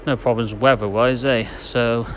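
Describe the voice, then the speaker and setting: A man hosts a trainspotting vlog in a casual, matter-of-fact way. His medium-pitched voice is informal and a bit hesitant. It is recorded outdoors on a platform, with clear station noise behind him. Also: steady tone, a little slow, poor audio. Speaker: trainspotting video host. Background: station and vehicle noise.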